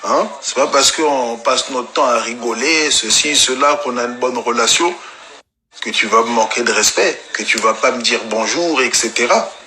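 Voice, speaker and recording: A young man casually telling an anecdote in slangy, animated street talk. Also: medium pitch, moderate pace. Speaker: storyteller guest.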